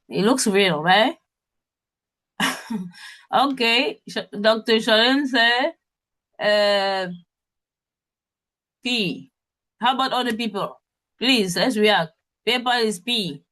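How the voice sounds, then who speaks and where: Slow-talking woman leading a workshop. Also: mid-range voice, fairly bright tone. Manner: coaxing, checks in with the audience often; spells out web addresses letter by letter. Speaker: workshop instructor. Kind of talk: interactive online workshop.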